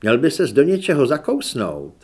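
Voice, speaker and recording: A male audiobook reader voicing a tough, sharp-tongued young woman who scolds bluntly in a slightly raised voice. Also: mid-range voice, huge pitch swings, breathy edge, heavily acted. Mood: curt.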